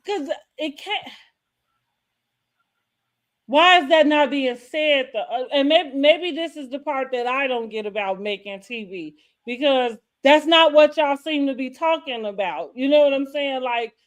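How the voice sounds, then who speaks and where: A woman with a fairly high voice chats casually as co-host of a TV recap show. She gives her opinions in a rambling way, often circling back to restate a point mid-sentence. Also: measured pace.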